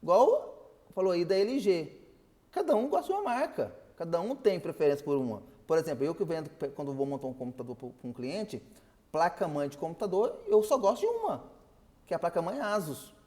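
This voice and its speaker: A man's voice: fairly high pitch, very animated, brisk, dark tone, big-room sound. A man teaching a customer service class, explaining and asking his students questions. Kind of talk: online class lecture.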